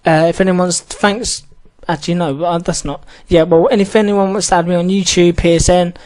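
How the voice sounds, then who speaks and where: Here a gaming channel host speaks at normal speed in a high, steady, slightly mellow voice. He rants casually about an online match, heated and swearing often, rambling and restarting again and again.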